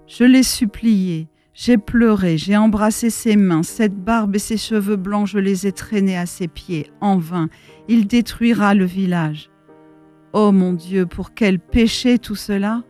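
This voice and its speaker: Casting: a woman doing a sobbing elderly priest, helpless and lamenting, slow mellow storybook reading. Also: mid-range voice, soft background music, lightly acted. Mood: despairing lament. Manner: sorrowful, lamenting. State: crying. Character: old village priest, grieving and helpless.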